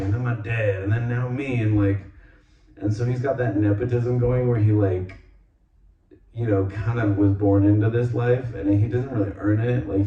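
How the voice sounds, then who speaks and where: Rambling man recapping a movie, roomy lo-fi. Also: lowish voice. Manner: rambling, heavy filler words, acts out quotes. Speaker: podcast host reviewing a movie. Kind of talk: casual solo movie recap. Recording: roomy, distant, dull lo-fi sound.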